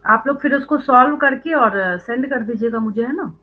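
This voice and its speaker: A woman teaches biology in a live online class. She walks through each point step by step, quizzes her students and repeats every answer, mixing in English terms. Her voice sits fairly high and comes through a thin, phone-like line. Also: moderate pace. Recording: tinny phone-like online audio.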